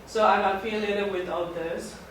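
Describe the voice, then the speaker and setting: This middle-aged Taiwanese guest speaker, medium in pitch, addresses a student group informally in a lecture room, halting and restarting as she goes. She's recorded from far away in a heavily echoing space over a steady layer of background noise.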